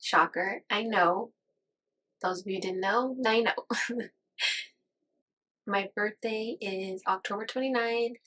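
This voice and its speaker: A woman's voice: mid-range voice, slow pace, pauses often, sharp tone, slight background noise, low-quality recording. A woman in her thirties from Las Vegas who chats casually about herself in a get-to-know-me vlog. She laughs often and is amused at her own remarks. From Las Vegas, United States. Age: 30s. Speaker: YouTuber.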